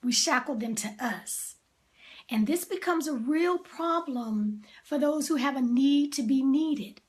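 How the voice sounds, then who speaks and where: High-voiced and deliberate, a woman delivers an emphatic, reflective motivational talk punctuated by drawn-out pauses and quiet asides.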